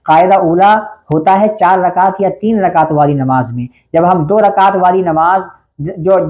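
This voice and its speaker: Mellow-voiced man teaching prayer pronunciation. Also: high voice, lo-fi sound. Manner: repeats Arabic prayer phrases slowly to demonstrate pronunciation; earnest, explanatory. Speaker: religious teacher. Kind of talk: religious instruction on prayer.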